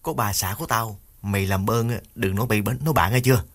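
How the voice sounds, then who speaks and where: A man's voice: lowish voice, normal speed. A male narrator voicing an irritated older brother who scolds and snaps impatiently. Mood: irritated, scolding. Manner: sharp, scolding, snapping.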